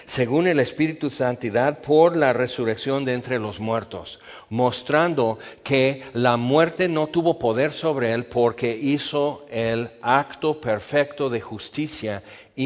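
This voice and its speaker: Male preacher, measured teaching sermon, average pitch, recorded with long reverb and muffled highs. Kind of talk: expository Bible sermon. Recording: long reverb, dull lo-fi sound.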